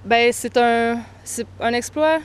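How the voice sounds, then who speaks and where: A young woman, answering interview questions thoughtfully, with frequent pauses. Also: on the high side, smooth. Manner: thoughtful, hesitant, many pauses. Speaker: touring cyclist interviewee.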